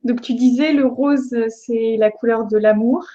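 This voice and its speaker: A woman hosts a live question-and-answer interview, speaking in a fairly high but mellow tone. She accommodates her guest and sums up for the audience. The sound is a bit dull and lo-fi. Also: fairly even intonation, measured pace. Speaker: interviewer and host. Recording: slightly muffled lo-fi sound.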